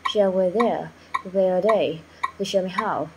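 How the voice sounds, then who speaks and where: A woman's voice: lowish voice, moderate pace, noisy background. A woman working through a pronunciation drill, saying single words and short phrases one at a time in a careful, clipped way.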